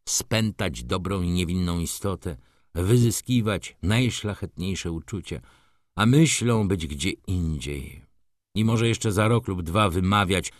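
A man's voice: deep voice, dry recording, studio quality. A man voicing a weary, bitter middle-aged male merchant in an audiobook, speaking gloomily and with resignation. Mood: gloomy.

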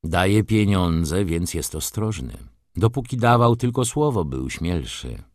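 A man's voice: low-pitched, expressive, takes it slowly, darkish tone, no echo, studio quality. A man voicing a reserved middle-aged merchant who speaks tersely and understatedly.

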